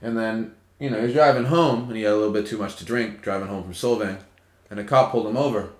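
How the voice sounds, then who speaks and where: A man's voice: fairly low pitch, fast talker. A man co-hosting a podcast in playful, teasing, swearing casual chat. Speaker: podcast co-host. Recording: echoey room.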